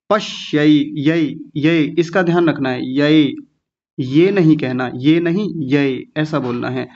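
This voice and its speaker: A male teacher with a slightly higher voice patiently breaks words into syllables and repeats them slowly for his students. The sound is dull and lo-fi, like audio from an online class. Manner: patient, slow syllable-by-syllable drilling. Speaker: Sanskrit recitation teacher.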